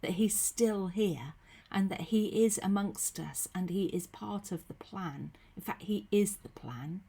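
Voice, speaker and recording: Speaking into her computer's webcam at home, a woman offers a casual devotional in a mid-range voice made husky and croaky by a cold. The faith leader is unhurried, gentle, and chatty, with frequent ums and soft little asides.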